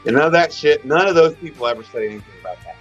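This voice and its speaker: A man co-hosting a podcast who rambles through crude casual chat and keeps trailing off and restarting his sentences. His voice sits a little high. The sound is slightly dull and muffled, with faint music underneath. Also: lively intonation, rapid-fire, a bit bright. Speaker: podcast co-host.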